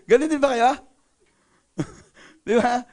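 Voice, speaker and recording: A man's voice: very high voice, drawn-out words, darkish tone. A male pastor preaching a sermon in a playful way, joking with the congregation. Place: church service.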